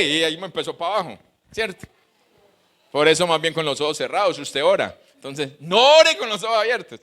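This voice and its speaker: A man with a Colombian Spanish accent preaches a sermon in a very high voice. His tone is bright and ringing. He slips into the voices of the people he quotes to drive his points home. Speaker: pastor.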